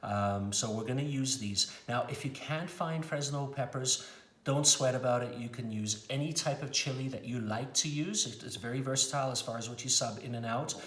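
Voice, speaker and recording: A man's voice: medium pitch, normal speed, fairly bright tone, echoey room. A middle-aged man from South Africa, a chef, explains a cooking recipe step by step in a friendly way with frequent fillers, in a kitchen. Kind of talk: cooking demonstration.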